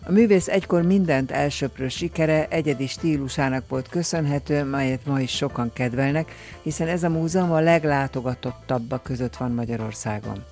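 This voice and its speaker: A man reading a radio news item in a steady, formal way from a script. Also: mid-range voice. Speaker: newsreader.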